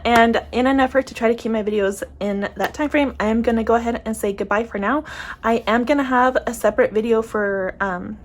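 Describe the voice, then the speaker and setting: A young woman chatting casually to camera about her planners, soft-spoken and a little emotional, often trailing off and restarting. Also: medium pitch, a little hiss or hum. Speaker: planner vlogger.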